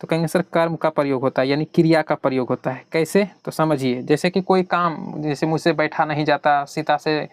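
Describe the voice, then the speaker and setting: Male tutor with a Bihari Hindi accent, slightly high voice, asks the class questions and answers them himself. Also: steady tone, brisk, hardly any pauses, no echo. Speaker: exam prep teacher. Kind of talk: online exam lesson.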